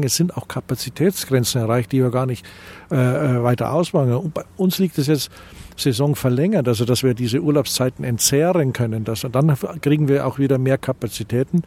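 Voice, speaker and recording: His voice is medium in pitch and warm in tone: a middle-aged, Bavarian-accented president of a tourism association from Bavaria, being interviewed. He's hesitant throughout, with frequent fillers and restarts.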